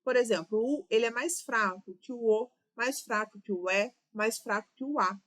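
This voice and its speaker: A woman's voice: on the high side, moderate pace, a bit bright. A woman with a Brazilian Portuguese accent, teaching an exam-prep grammar lesson, explaining step by step and checking in with "ok?" and "né?".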